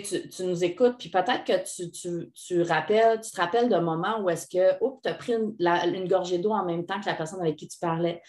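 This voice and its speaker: A woman with a Québécois French accent, co-hosting a relaxed advice podcast. She talks in a casual, animated way and acts out quoted replies with a lift in her voice. The recording sounds echoey, as if the room is a bit hollow. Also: mid-range voice. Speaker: podcast co-host.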